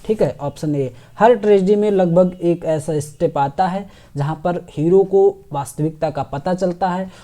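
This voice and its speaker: A man teaching an exam-prep lesson, reading English questions slowly and explaining them in Hindi, often checking in with his listeners. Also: high voice, mellow. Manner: frequent "ठीक है" and "है ना" check-ins.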